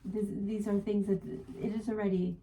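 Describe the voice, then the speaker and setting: A woman channeling a gentle male spirit guide as a seance medium, speaking formally and ending phrases with a questioning "yes?". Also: mid-range voice, little pitch movement, moderate pace, a little hiss or hum, close to an everyday voice, low-quality recording. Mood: gentle, assured. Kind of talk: spiritual guidance in trance channeling session.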